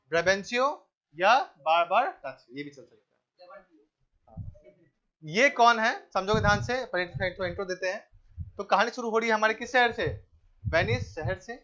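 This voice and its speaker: Male teacher, lecturing a class, quizzing and repeating key words, high voice, dull lo-fi recording. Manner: asks the class questions and answers them himself, repeats key words; tells the class to keep quiet and pay attention.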